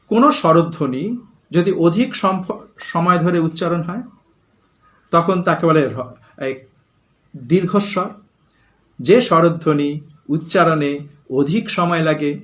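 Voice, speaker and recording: A middle-aged man teaching a class at an unhurried, deliberate pace. His voice sits a little high for a man, and he drills each point, asking questions and repeating lists for students. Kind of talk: classroom lesson.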